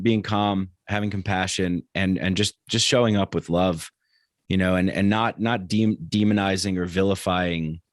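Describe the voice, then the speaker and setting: A man talking as a podcast guest, relaxed and halting, with many restarts and fillers. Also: deep voice, dry recording. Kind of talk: casual conversation.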